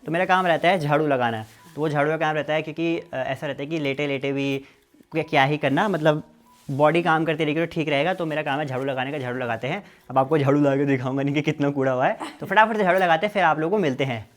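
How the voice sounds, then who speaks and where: A young man from the Uttarakhand hills, vlogging casually and talking straight to his viewers outdoors at his village home. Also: fairly high pitch. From Uttarakhand hills, India. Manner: chatty, quick, speaks to viewers directly. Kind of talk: casual village vlog talk to camera.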